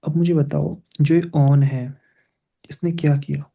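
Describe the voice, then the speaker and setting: A man's voice: on the high side, fairly even intonation, slow, creaky, lo-fi sound. A man teaching a grammar lesson, explaining step by step and constantly checking with his students, switching between Hindi and English phrases.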